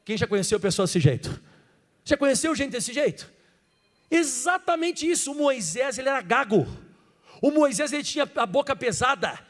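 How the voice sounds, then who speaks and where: A man from Brazil, a pastor preaching an animated sermon, acting out stories and quizzing the congregation. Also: extremely high pitch, moderate pace. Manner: animated storytelling, acts out characters, asks the crowd questions. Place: church. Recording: reverberant church hall.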